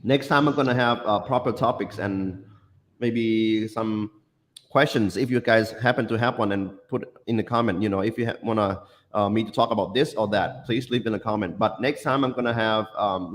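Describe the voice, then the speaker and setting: A man's voice: lowish voice, fairly even intonation, normal speed. A man from Thailand with a Thai accent, hosting a casual livestream chat and talking with many fillers and restarts. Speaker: livestream host.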